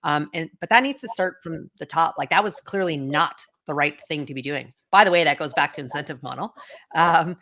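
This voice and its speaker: A middle-aged woman executive is a guest in a conversational interview, sounding candid and self-assured with frequent fillers. Her voice sits low, a bit bright, and she speaks briskly.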